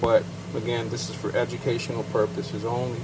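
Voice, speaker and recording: Against a very noisy background, a bilingual English-Spanish man with a Chicano Mexican-American accent, a certified payment terminal technician, walks casually through a technical setup in a how-to demonstration, full of fillers and asides. He speaks at medium pitch, a little fast, with a flat delivery.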